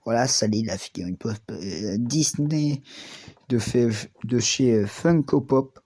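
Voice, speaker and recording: A man's voice: medium pitch, takes it slowly, dark tone. A male YouTuber casually presenting collectible figures, rambling and drifting off topic with many restarts. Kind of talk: casual unboxing vlog.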